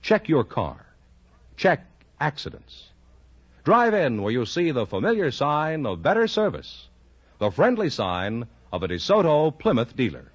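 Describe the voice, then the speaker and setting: In a dull vintage 1950s radio broadcast with some music, an American man reads scripted sponsor announcements in a polished salesman's style. His pitch is medium but swoops wildly, and his pace is a little slow.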